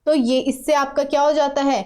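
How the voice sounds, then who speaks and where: A woman's voice: high-pitched, little pitch movement, moderate pace, dark tone. A woman teaching a grammar lesson patiently, repeating sounds and asking students to try them aloud. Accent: Uttarakhand Hindi. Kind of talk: classroom lesson.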